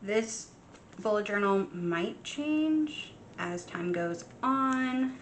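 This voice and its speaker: A young adult woman chatting casually while setting up her journal, soft and unhurried, with frequent ums. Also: mid-range voice, lively intonation, a little hiss or hum. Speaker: journaling vlogger. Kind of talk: casual chat while crafting.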